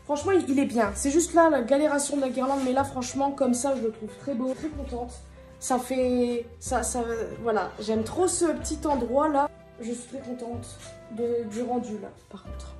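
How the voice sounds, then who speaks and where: A woman's voice: sits high, normal speed, dark tone, faint music behind. A woman chatting casually to her vlog audience at home, rambling and tripping over her words. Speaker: vlogger. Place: at home indoors.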